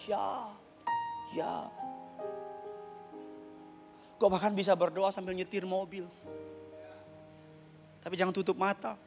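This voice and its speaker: A male pastor preaching a sermon in a humorous, conversational way, with loud outbursts at times. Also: sits high, flat delivery, takes it slowly, vocal fry, long pauses, music in the background. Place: church service.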